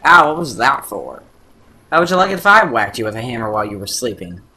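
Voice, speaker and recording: A man's voice: medium pitch, expressive, normal speed, sharp tone, slightly rough, heavily acted. A man voicing a cocky, wisecracking talking paint can sidekick in a video game voice-over. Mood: indignant. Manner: brash, bossy and wisecracking. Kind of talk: let's play voice-over.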